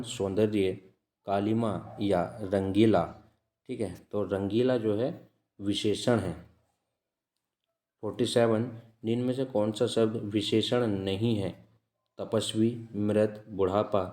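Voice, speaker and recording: A man teaching as an exam-prep tutor, reading out test questions, then repeating each answer in a measured way. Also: on the low side, a little mellow, reverberant. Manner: measured, repeats answers with frequent "ठीक है" checks.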